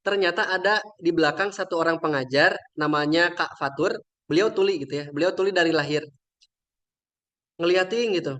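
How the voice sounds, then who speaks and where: A man's voice: a little high, a little fast, a bit bright. A young man, a religious teacher, sharing a moving story in a casual, chatty way with many trailing fillers. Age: young adult. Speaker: religious teacher and invited speaker. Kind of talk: casual heartfelt storytelling talk.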